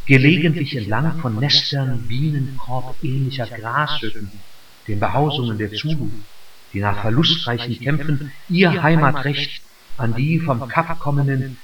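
A man reads a first-person memoir aloud, slow and measured. The sound is dull and roomy, as if the mic sits a distance away on an old radio broadcast. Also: medium pitch.

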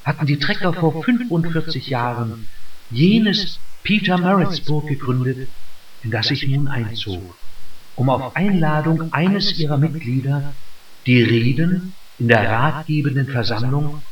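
A man reads a first-person memoir aloud, slow and measured. The sound is dull and roomy, as if the mic sits a distance away on an old radio broadcast. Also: on the high side, expressive.

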